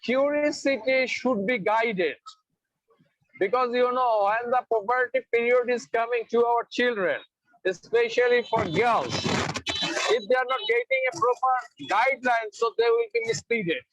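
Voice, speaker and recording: A man's voice: extremely high pitch, a little slow, a bit bright, no echo, muffled recording. A man, an educator on a video call panel, speaking earnestly and giving advice through an example. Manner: earnest, advising tone, tells an example story.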